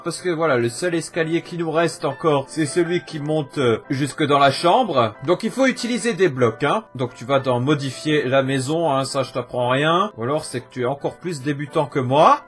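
A man's voice: fairly high pitch, fairly bright tone. A young man hosting a casual game tutorial voice-over, chatty and self-mocking, full of fillers and little jokes. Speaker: gaming tutorial host.

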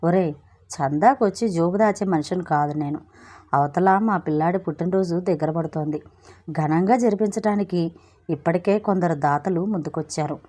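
A woman voicing Chitti, a cheeky, smooth-talking young man with a theatrical, playful way of speaking. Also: fairly low pitch, moderate pace, mellow, natural voice.

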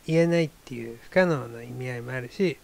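A man's voice: mid-range voice, fast, creaky, a little mellow. A man hosting his own talk show, musing in a wry, rambling, self-deprecating casual monologue. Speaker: solo talk show host.

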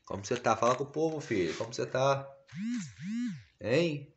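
A man filming a casual family vlog, talking gently and dotingly to his baby daughter. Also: mid-range voice, expressive, normal speed, lo-fi sound, slight background noise.

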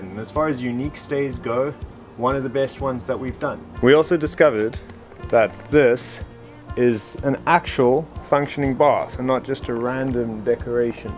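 A young man speaking casually to camera on an outdoor deck in a travel vlog, relaxed and easygoing. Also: medium pitch. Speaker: vlogger. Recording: music playing over the talk.

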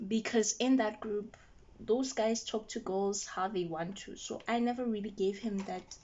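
Young woman vlogger, unhurried and indignant storyteller, muffled lo-fi recording. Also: mid-range voice, slight background noise. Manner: animated, indignant retelling with quoted dialogue. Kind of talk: get-ready-with-me storytelling. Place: at home doing makeup.

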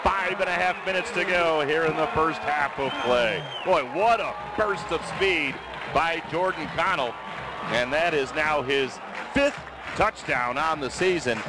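A man calling a football game play by play, excited on big plays. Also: fairly high pitch, unhurried. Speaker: play-by-play announcer. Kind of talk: excited sports commentary. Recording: loud crowd and noise behind. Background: roaring stadium crowd.

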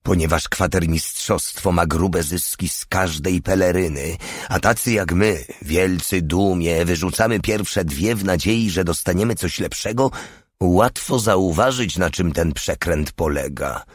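A man narrating a war novel audiobook in an even, measured reading. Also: deep voice, no room sound, clean studio sound. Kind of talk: scripted narration.

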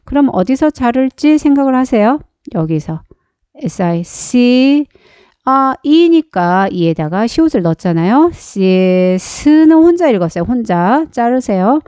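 A woman's voice: high voice, big pitch swings, unhurried, dark tone, clear, resonant tone, no echo. A woman teaching a beginner phonics lesson step by step, patiently asking questions and then answering them herself.

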